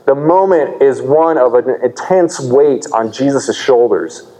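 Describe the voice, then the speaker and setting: A man delivers an earnest sermon from the pulpit, unpacking a passage and asking his listeners questions. His voice is dark and mellow. It rings with the long reverb of a big church hall. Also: mid-range voice, lively intonation, a little slow. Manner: earnest, explanatory preaching with rhetorical questions. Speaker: pastor.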